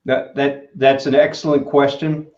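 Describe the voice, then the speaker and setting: A man answering interview questions as a materials expert, halting and full of fillers. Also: medium pitch, flat delivery, darkish tone. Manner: halting, many "uh" and "you know" fillers. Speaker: guest expert in materials engineering. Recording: roomy, dull lo-fi sound.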